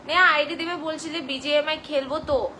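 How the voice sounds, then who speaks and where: A woman's voice: sits high, steady tone, fairly quick, sharp tone, slight background noise, rough recording. A young woman hosting a casual live stream, reading viewer comments aloud and answering them in a chatty way over a phone.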